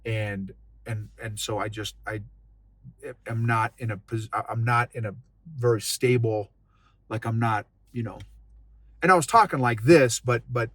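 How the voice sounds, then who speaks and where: A man's voice: fairly low pitch, level tone, measured pace, fairly bright tone. A middle-aged man hosting a solo podcast, telling a personal story in a candid, rambling way with many restarts. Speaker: podcast host and coach. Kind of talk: casual solo podcast monologue.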